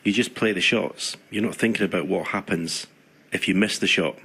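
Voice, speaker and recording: A man working as snooker co-commentator, giving expert analysis in a hushed, conversational way. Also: low-pitched, moderate pace, slightly rough. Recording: faint background noise.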